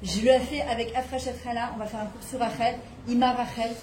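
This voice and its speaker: High-voiced impassioned woman teacher. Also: flat delivery, fairly quick, darkish tone, echoey room, rough recording. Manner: impassioned, rhetorical questions. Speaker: religious women's teacher. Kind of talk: spiritual talk to a women's gathering. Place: private home.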